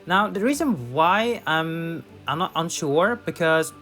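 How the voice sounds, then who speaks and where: Gaming commentator, male, higher voice, casual and thinking aloud, faint music bed. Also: expressive, takes it slowly, a bit bright. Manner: thinks aloud with fillers and restarts. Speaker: gaming YouTuber. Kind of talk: casual tier list commentary.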